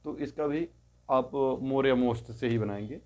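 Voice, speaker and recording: A man tutoring English grammar in a step-by-step lesson. He is patient and repeats each word form slowly, explaining in Hindi and saying the English forms aloud. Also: mid-range voice, a little mellow.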